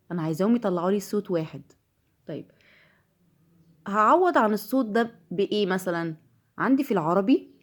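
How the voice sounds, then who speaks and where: Egyptian-accented female English teacher, patient and repetitive, mid-pitched voice. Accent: Egyptian Arabic. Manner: patient, repeats words slowly to drill them. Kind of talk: classroom-style lesson.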